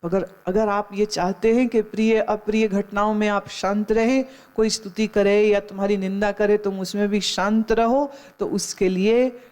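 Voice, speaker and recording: A woman's voice: mid-range voice, fairly even intonation, normal speed, a little mellow. A middle-aged woman spiritual teacher giving a discourse, telling stories and admonishing listeners, slipping in English phrases. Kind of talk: Gita discourse.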